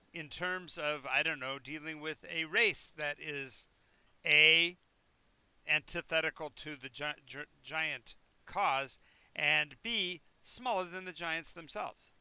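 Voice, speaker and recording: A man's voice: a little high, bright, forceful tone, smooth, dry recording. A man running a tabletop game on a live stream, rambling through descriptive narration with restarts. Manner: chewing while talking. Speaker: game master.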